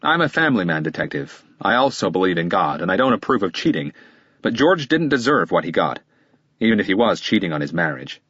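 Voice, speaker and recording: A guarded middle-aged lawyer answers in short, impatient bursts, as a man puts him on for an audiobook. The voice sits a little higher than the reader's own and stays husky. The sound is dry and slightly muffled. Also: big pitch swings, brisk, a bit bright, dry recording, full character voice. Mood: defensive.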